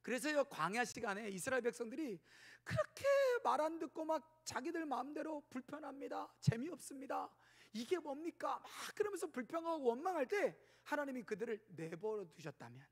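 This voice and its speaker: Male pastor, forties, lively sermon storyteller, high-pitched, long church reverb. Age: 40s. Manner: animated storytelling with sudden shouts and whispers. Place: church sanctuary.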